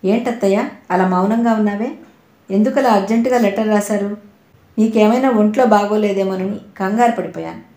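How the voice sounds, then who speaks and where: A woman's voice: medium pitch, fairly quick, dark tone, close to an everyday voice. List: woman voicing young elder sister, impatient, scolding, storybook, echoey room. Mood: fretful. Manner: scolding, exasperated. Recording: roomy echo.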